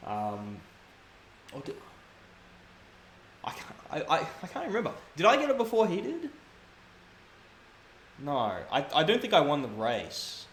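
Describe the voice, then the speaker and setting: A man's voice: a little high, wildly swooping pitch, measured pace, long pauses. A man telling stories in casual chat, rambling and correcting himself as he goes. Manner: rambling, self-correcting storyteller. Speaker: guest speedrunner. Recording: echoey room, faint background noise.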